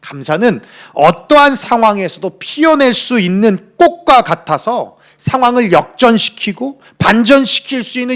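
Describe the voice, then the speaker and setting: A man pastor giving a Sunday sermon, earnest, building to emphatic peaks. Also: high voice. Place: church.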